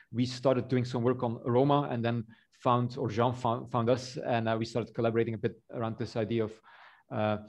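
A middle-aged man from Belgium talks through his slides on a video call. His delivery is loose and chatty, with lots of fillers and restarts, at an ordinary middle pitch. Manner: relaxed, rambling with frequent fillers. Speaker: university yeast researcher presenting. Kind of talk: online conference presentation.

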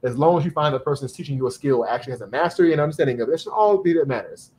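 A young man, a dance company director and podcast guest, telling stories in an animated, blunt way over a video call from his dance studio. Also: a little high, very fast. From United States. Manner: animated, blunt, plays out quoted exchanges. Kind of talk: casual storytelling in a podcast interview. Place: dance studio in Atlanta, indoors. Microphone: video call, camera at a distance.

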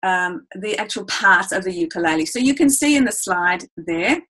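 A woman's voice: medium pitch, animated, normal speed, fairly bright tone, low-quality recording. A woman teaching a ukulele webinar, chatty and enthusiastic, showing the instrument as she explains. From Australia. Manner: enthusiastic, chatty, addresses listeners as "guys"; demonstrates on the ukulele while talking. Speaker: music educator.

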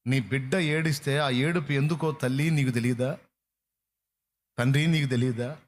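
A man preaching a sermon, impassioned, swinging from loud appeals to hushed pleading. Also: mid-range voice, steady tone, normal speed.

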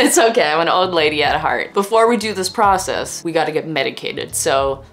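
A woman's voice: deep voice, lively intonation, normal speed, fairly bright tone. A young adult woman chatting casually to viewers in a laid-back, slangy, giggly stoner manner. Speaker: vlogger and streamer. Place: small indoor room at a desk.

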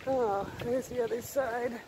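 Woman vlogger, casual and chatty, slightly high voice, long tunnel reverb, noisy camera audio. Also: steady tone, measured pace. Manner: chatty, addresses viewers directly. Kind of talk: casual vlog narration. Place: abandoned tunnel, indoors.

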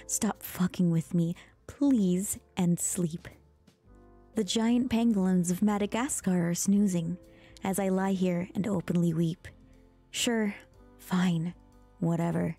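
Soft, slow woman reading a bedtime book. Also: lowish voice, fairly even intonation, breathy edge, soft background music. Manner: soft-spoken, dips into whispers, mock-exasperated asides. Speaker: streamer reading aloud. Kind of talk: soft ASMR-style storybook reading.

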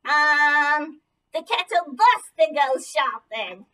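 Woman voicing a squeaky, cheeky boy ventriloquist dummy. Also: expressive, takes it slowly, sharp tone, exaggerated voice. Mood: unsure. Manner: exclamatory, hesitant when stumped, cheeky. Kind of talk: ventriloquist comedy act. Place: indoor painted playroom, far camera. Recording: distant microphone in a room.

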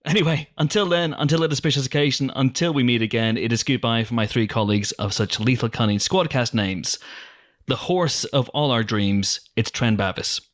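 A man's voice: mid-range voice, moderate pace, dry recording, studio quality. A man hosting a podcast, joking playfully through the sign-off. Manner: jokey, playful sign-off patter. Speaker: podcast host. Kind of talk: casual podcast chat.

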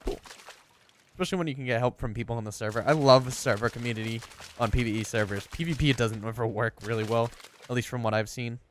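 A man casually commenting on his own gameplay, chatty and excitable, talking to his viewers and to the animals in the game. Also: medium pitch, fast talker, a little hiss or hum. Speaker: gameplay streamer.

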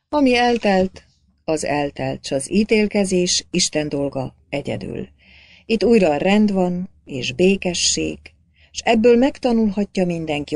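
Woman doing a solemn nobleman, composed, low gravelly tone, dry sound. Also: darkish tone, dry recording. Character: calm male nobleman official, solemn and measured.

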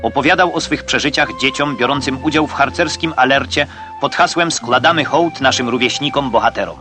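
A man narrating an old 1960s newsreel in a crisp, declamatory way, occasionally wry. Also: medium pitch, a little fast. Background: music.

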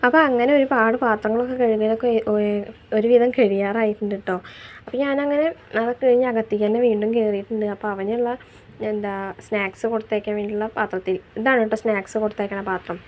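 A woman's voice: fairly high pitch, steady tone, fast. A young mother from Kerala, narrating her daily chores in a chatty voice-over. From Kerala, India. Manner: chatty, tags sentences with a soft "you know". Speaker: vlogger mother. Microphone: voice-over recorded separately.

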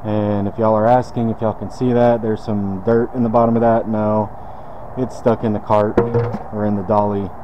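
Working in a detailing shop, a man walks through a car detailing task in a relaxed, offhand way. His low voice is flat and at a normal pace, and the recording is muffled with a noisy background.

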